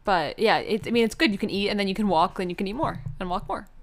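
Quick-talking playful woman. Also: mid-range voice, slight background noise. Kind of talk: casual chat.

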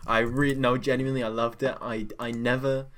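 A man's voice: mid-range voice, level tone, fairly quick, crowd noise. A young man on a podcast, gushing about a film in rambling casual chat full of fillers. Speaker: guest.

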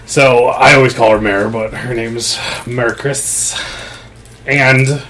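A man's voice: mid-range voice, steady tone, slow, fairly bright tone. A man hosting a casual talk show, teasing his guests and laughing often. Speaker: podcast host. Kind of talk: casual chat.

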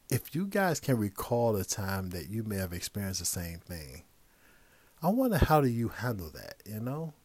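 A man's voice: medium pitch, darkish tone, dry recording. A man hosting a podcast, telling a personal story in a casual, conversational way with chuckling asides. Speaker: podcast host.

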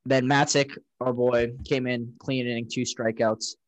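A man's voice: medium pitch, little pitch movement, a little slow, dry recording. A man co-hosting a casual sports chat, recapping plays in a rambling way with lots of fillers. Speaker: podcast co-host.

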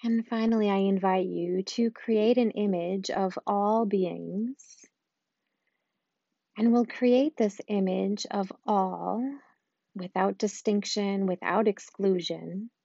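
A woman guiding a loving-kindness meditation in a slow, soft and soothing way, with long pauses. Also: mid-range voice, fairly even intonation, gravelly, no room sound, muffled recording. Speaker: meditation guide.

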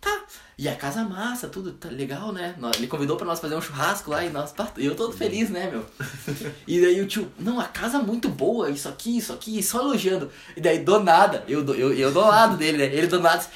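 A man telling a childhood story in casual chat, animated and laughing often. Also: on the high side, a little fast, slight background noise. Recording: echoey room.

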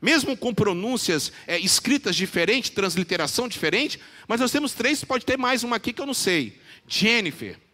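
A male preacher with a very high, bright voice that carries through a church with long reverb. He builds up emphasis and slows right down on the scripture he quotes. His delivery is earnest and persuasive. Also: big pitch swings. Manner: preaches with rising emphasis, quoting scripture with slow deliberate phrasing. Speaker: pastor. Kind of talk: sermon.

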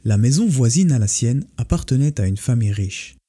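Dark, husky male storyteller. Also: medium pitch. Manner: calm, measured storytelling. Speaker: narrator. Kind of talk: storybook narration. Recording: faint music behind the voice. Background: faint music.

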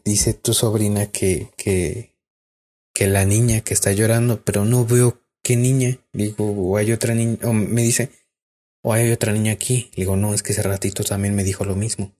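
A man's voice: fairly low pitch, little pitch movement, a little slow, mellow. A man with a Mexican accent, telling a spooky personal story in casual, rambling podcast chat with lots of fillers. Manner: rambling with many fillers and restarts. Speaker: podcast co-host.

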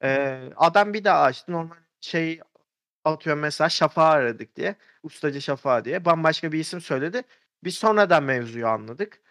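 A man's voice: fairly high pitch, lively intonation, normal speed, fairly bright tone. A man telling a story in a casual podcast chat, rambling with fillers and restarts.

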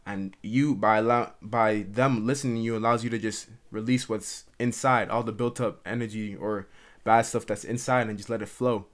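Young man, podcast host, earnest rambling talk, lots of "like", fairly low voice, recorded at home. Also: fairly even intonation, normal speed. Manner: earnest, rambling, heavy use of "like". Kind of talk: casual solo monologue. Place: at home in his mother's house, dimming light. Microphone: camera recording.

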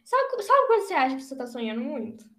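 A woman's voice: sits high, big pitch swings, fairly bright tone, roomy sound. A woman co-hosting a podcast, chatting casually and confiding about her life. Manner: chatty, reacts with quick asides. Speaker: podcast co-host. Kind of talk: casual chat.

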